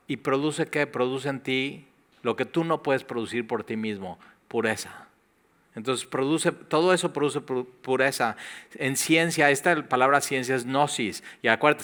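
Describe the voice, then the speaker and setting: A man with a Mexican Spanish accent preaching a sermon as pastor, in a conversational, lively way with quoted asides. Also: medium pitch.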